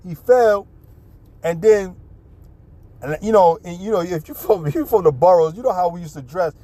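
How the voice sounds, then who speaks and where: A man with a New York City accent telling a personal story in a casual, animated way, full of street slang and swearing. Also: high-pitched, moderate pace.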